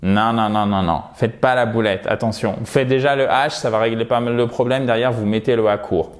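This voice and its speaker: A man's voice: mid-range voice, fairly even intonation, fairly quick. A French man teaching English pronunciation in a video lesson, with a French accent. He drills words patiently and has learners repeat after him.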